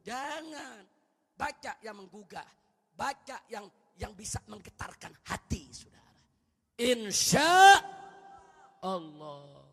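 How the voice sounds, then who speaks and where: A man preaching a fiery sermon in a strikingly high, bright and tense voice. His tone is husky and raspy. The sound carries a long reverb, like a large hall or mosque. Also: expressive, measured pace. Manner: shouts rebukes, then drops low and soft for prayers; addresses listeners as "saudara" with rhetorical questions.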